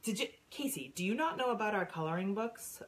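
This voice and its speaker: A middle-aged woman, a book seller and former science teacher, gushes over new books in a casual unboxing vlog, squealing and gasping with delight. Her medium-pitched voice is fairly quick, and the recording is rough.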